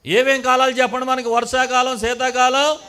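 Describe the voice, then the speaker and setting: A male pastor preaches in a high, ringing voice. He leads the congregation in call and response and acts out sample prayers, building to emphatic rising bursts. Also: flat delivery, brisk, bright, forceful tone, clear, resonant tone. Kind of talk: sermon.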